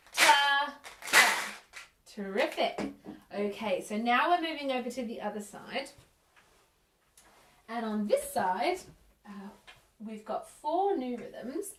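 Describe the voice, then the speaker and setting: A woman teaching a music lesson for young children, counting in and praising warmly. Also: on the high side, background noise. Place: room at home. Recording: echoey room, a bit distant.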